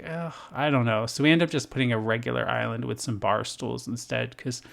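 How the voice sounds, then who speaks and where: Gravelly man chatting over his build. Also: mid-range voice. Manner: chatty, rambling, lots of fillers and self-deprecating laughs. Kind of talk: casual voice-over commentary.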